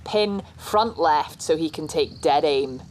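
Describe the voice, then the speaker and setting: A woman's voice: deep voice, slow, heavy background noise. A woman doing clipped golf commentary as an on-course reporter in a sports video game.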